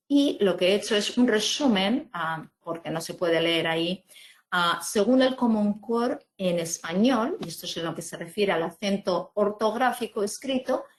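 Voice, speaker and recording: A woman from presenting an online teaching webinar, explaining slowly with many fillers and tag questions. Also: medium pitch. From Spain.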